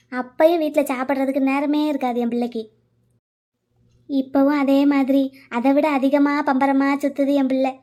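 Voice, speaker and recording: A woman's voice: high voice, darkish tone, lightly acted. A woman voicing an older grandmother in a cartoon, motherly and anxious, soothing the people around her.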